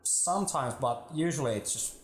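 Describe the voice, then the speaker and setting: A Finnish man in his twenties with a Finnish accent, answering interview questions in a relaxed, hesitant way with many fillers. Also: medium pitch, normal speed, reverberant. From northern Finland. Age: 20s. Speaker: drummer, interview guest.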